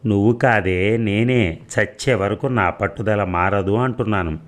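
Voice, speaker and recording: A man's voice: lowish voice, unhurried, natural voice. A man voicing an impatient young grandson who bickers and teases sarcastically. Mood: exasperated.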